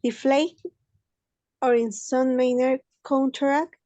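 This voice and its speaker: A woman student reads English text aloud in a careful, halting way. Her voice is high and mellow, slow-paced, and recorded dry and close. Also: fairly even intonation, no echo. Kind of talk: reading aloud in class.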